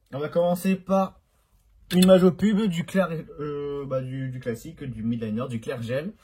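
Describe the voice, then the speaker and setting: A man's voice: mid-range voice, darkish tone, breathy edge. A man talking casually in a home vlog about his toy car collection, chatty and jokey, often interrupting himself.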